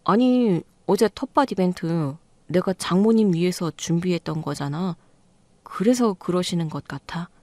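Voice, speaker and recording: A woman's voice: lowish voice, normal speed, darkish tone, no echo, natural voice. A woman playing a clueless, defensive husband. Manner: defensive, pleading.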